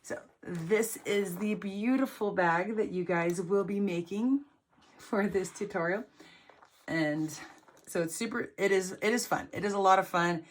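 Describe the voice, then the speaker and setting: A young sewing pattern designer walks viewers through a pattern step by step in a casual tutorial. Her mid-range voice moves at a measured pace, and she sounds chatty and upbeat, dropping plenty of fillers like "like" and "oop".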